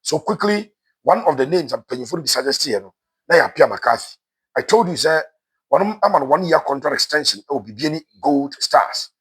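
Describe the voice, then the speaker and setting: Husky Ghanaian man talking football news. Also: on the high side, animated, fairly quick, fairly bright tone. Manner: switches between Twi and English, frequent "eh" fillers. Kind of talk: casual sports news commentary.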